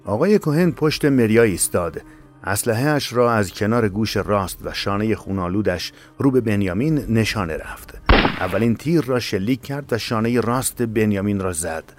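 A man narrating a tense audiobook story in a steady, measured way. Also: lowish voice. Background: faint music.

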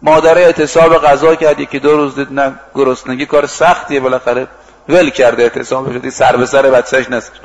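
A man giving a sermon, telling stories vividly, acting out the quoted dialogue, and slowly chanting scripture and verse. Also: medium pitch, lo-fi sound. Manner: lively storytelling that acts out quoted exchanges and chants scripture and verse. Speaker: preacher. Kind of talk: storytelling sermon.

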